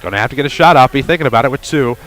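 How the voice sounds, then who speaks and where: A man calling a high school basketball game for radio play-by-play, quick with wry asides, from a gymnasium with faint noise behind. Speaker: play-by-play announcer.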